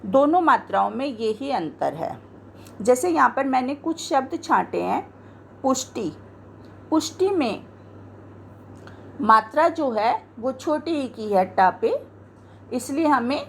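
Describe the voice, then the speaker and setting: A woman teacher walks through a grammar lesson at a very slow, deliberate pace, her voice fairly high with a gravelly edge. She explains step by step, pointing to the words she has marked. Faint noise sits under the recording.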